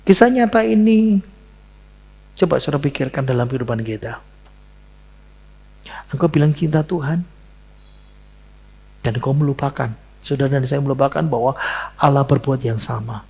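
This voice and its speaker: A male pastor, telling a story in a sermon and moving between loud, earnest lines and hushed ones. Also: mid-range voice, normal speed, creaky, pauses often, husky. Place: church.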